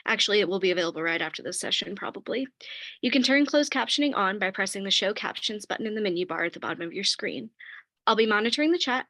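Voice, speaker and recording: A woman moderator reading procedural announcements briskly at the start of a session. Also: medium pitch, fairly bright tone, no echo.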